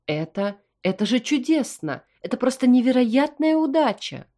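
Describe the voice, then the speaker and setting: A woman reading an audiobook and voicing a stern, commanding middle-aged alien noble mother who fires off sharp demanding questions. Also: medium pitch, lively intonation, normal speed, voice pushed up, natural voice. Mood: delighted. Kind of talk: audiobook character voice.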